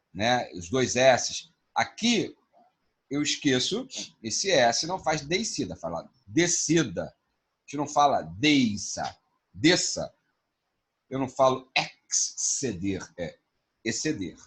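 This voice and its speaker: Male teacher, husky voice, animated delivery, online class. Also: medium pitch. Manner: lively, spells out examples slowly.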